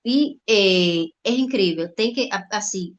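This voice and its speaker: A Cuban doctor, a native Spanish speaker with a Cuban accent, gives an informal testimonial as a guest speaker. Her mid-range voice comes across haltingly, with frequent check-in tags, over dull lo-fi online-call audio.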